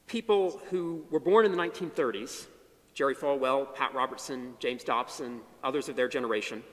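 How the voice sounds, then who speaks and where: Standing at a podium mic on a large chapel stage, a middle-aged man lectures on history in a measured, academic way, with a slightly bright tone. He opens phrases emphatically and lets them fall low, while long hall reverb trails behind.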